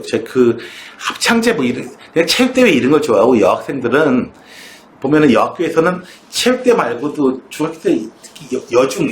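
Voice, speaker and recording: A middle-aged man with a slightly high voice teaches math and tells a story in an academy classroom in Seoul. He's chatty and keeps asking students questions. He's recorded from a distance in an echoey room, with slight background noise.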